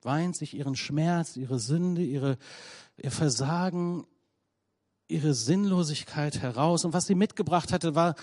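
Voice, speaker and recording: A man preaching a sermon in German, telling a story with a conversational touch, lively at times and hushed at others. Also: fairly high pitch, a little slow.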